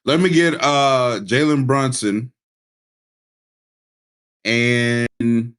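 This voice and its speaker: A man's voice: mid-range voice, very slow, fairly bright tone, clear, resonant tone. A man on a casual group voice chat, hesitant and drawling as he thinks aloud.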